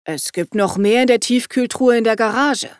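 A woman voicing a calm middle-aged father who talks gently in an audiobook. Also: on the high side, normal speed, clean tone, no room sound, studio quality, close to an everyday voice.

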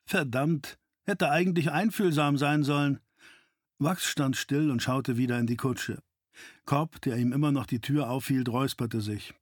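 A man narrating an audiobook with steady, even storytelling. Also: mid-range voice, normal speed, no echo, studio quality. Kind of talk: scripted narration.

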